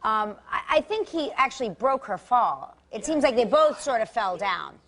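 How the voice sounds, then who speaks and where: A woman hosting a daytime talk show in a studio before an audience, bubbly and quick to laugh. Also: fairly high pitch, animated, fairly bright tone. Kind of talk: casual chat.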